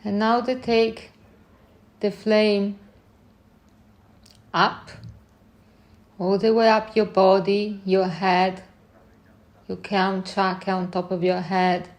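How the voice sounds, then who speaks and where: A woman guides a meditation at a very slow, drawn-out pace. Her voice sits at an ordinary middle pitch. She speaks calmly in short phrases, pausing long between them.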